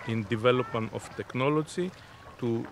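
This is an unscripted interview explanation from a fiftyish man who speaks for an innovation zone. Standing outdoors on a beach with the sea audible behind him, he answers slowly and haltingly in a mid-range voice.

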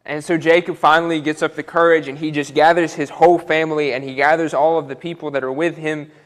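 A man's voice: a little high, level tone, fast talker. A young man preaching a sermon from a church pulpit, earnest and repeating words as he builds each point. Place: church auditorium, speaking from a pulpit. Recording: church hall with long reverb.

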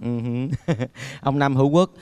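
A man's voice: medium pitch, unhurried, a little mellow, clean tone. A male TV host introducing a performance and interviewing a young performer on stage in an upbeat, friendly way. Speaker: TV show host.

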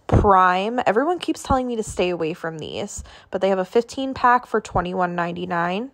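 A woman's voice: mid-range voice, expressive, normal speed. A woman vlogging a casual walk through a grocery store, chatting about products and prices as she films on her phone. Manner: chatty, listing items and prices. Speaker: shopping vlogger.

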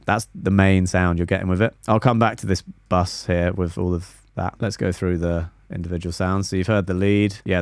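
A young adult music producer relaxes in his small home studio, casually breaking down a track on stream and scatting melodies to show what he means. His voice is low, captured on a boom-arm studio mic with no room sound.

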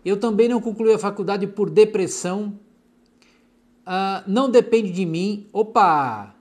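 A middle-aged man from Brazil with a Brazilian Portuguese accent, a clinical hypnotherapist chatting casually on a live stream and reading out viewer comments, affectionate and chatty, often dropping softly aside to someone off camera. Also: high-pitched, measured pace.

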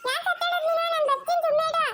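A woman's voice: very high-pitched, steady tone, racing. A woman acting in a homemade family drama, with a pleading, sometimes tearful delivery. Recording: loud background noise.

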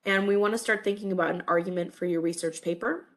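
A woman in her thirties gives a recorded college English lecture, captured by a webcam over slides. Her voice is lowish and steady with a quick pace, and she sounds stuffy from a cold, friendly, and full of "um" fillers.

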